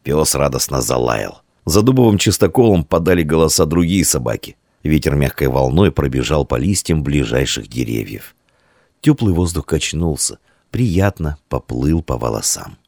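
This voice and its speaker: Low male narrator with a lively, expressive delivery and a dry, close sound. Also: normal speed, gravelly, no room sound. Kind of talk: audiobook narration.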